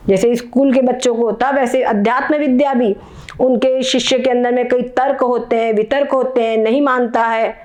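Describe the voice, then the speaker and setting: A woman's voice: a little high, fairly even intonation, normal speed, a little mellow. A woman giving a spiritual discourse, explaining patiently and often checking that her listeners follow. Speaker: spiritual teacher.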